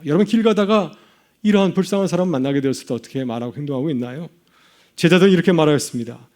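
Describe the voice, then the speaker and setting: Male pastor, middle-aged, sermon, rhetorical questions, mellow slightly high voice. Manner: preaching with rhetorical questions to the congregation.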